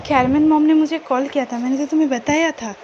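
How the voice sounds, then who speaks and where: A woman voicing a hurt young man who pleads softly and sounds close to tears, in a fan-fiction story retelling. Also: sits high, steady tone, quick pace, dull audio, noisy background, natural voice. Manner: soft, pleading, near tears.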